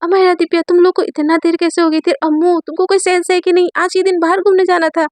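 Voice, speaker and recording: A middle-aged mother who scolds her daughter lightly but fondly, as a storyteller puts her on. The tone is high and close, with a dry sound. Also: flat delivery, quick pace, a little mellow, dry recording. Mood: scolding. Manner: scolding, affectionate.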